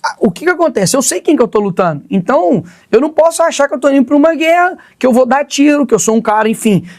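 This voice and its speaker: A man's voice: very high voice, lively intonation, darkish tone. A man in his twenties with a Brazilian accent, a politician answering podcast questions in a combative, slangy way. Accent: Brazilian Portuguese. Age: 20s. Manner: fast, combative, conversational with slang. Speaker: politician guest. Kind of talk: podcast interview.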